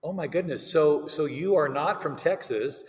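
A man's voice: fairly high pitch, normal speed. A man co-hosting a podcast, asking guests questions with eager encouragement. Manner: enthusiastic, encouraging. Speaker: podcast co-host. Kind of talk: casual podcast interview. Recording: roomy hall reverb.

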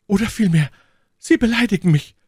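A man voicing a scheming, cornered noblewoman in an audiobook reading, with shrill, indignant outbursts. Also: big pitch swings, a little slow, darkish tone, dry recording, clean studio sound. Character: scheming, cornered noble woman, haughty and fierce.

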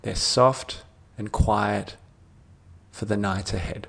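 A man narrating a guided sleep meditation in a soothing sleep-story manner, with gentle phrases that trail off softly and long pauses between them. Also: on the low side, steady tone, gravelly, slightly rough.

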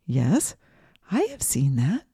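A woman doing a calm, patient sun. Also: very deep voice, slightly rough, dry recording, clean studio sound, full character voice. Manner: calm, mild, unhurried.

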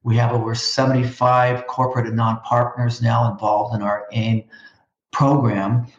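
A man hosting a school district interview show, speaking in a measured way with some hesitant fillers. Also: medium pitch, little pitch movement, echoey room, highs cut off. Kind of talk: hosted interview.

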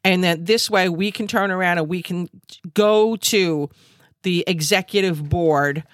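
Angry woman host with a low voice. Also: a little slow, no echo, clean studio sound. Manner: angry, emphatic, repetitive, with many fillers. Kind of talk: impassioned monologue. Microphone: video call.

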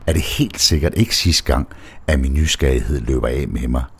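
A man calmly reading a first-person erotic audio story in a measured way. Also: extremely low pitch, breathy edge. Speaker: narrator.

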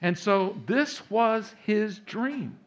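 A man's voice: high voice, animated, extremely slow. A man with a Texas accent, a pastor from Central Texas delivering a sermon in a folksy, storytelling way with rising emphasis.

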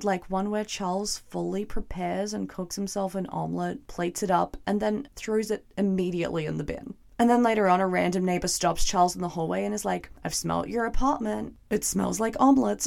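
Hoarse, gravelly young woman recapping a show. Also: medium pitch, darkish tone. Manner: chatty, wry, playfully sarcastic. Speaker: TV reviewer. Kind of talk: casual episode recap and review.

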